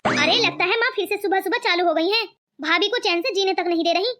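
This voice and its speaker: A woman's voice: very high-pitched, a little fast, bright, forceful tone. A woman voicing a kind young man in a cartoon who pleads and teases lightly. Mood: pleading. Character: kind cheerful young man defending his sister-in-law.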